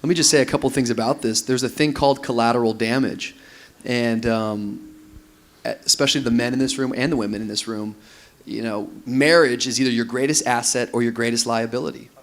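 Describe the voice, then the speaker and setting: Animated pastor man on a stage panel. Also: medium pitch, fairly quick. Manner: animated, laughs while mimicking couples. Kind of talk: conference panel talk. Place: large room with audience on stage.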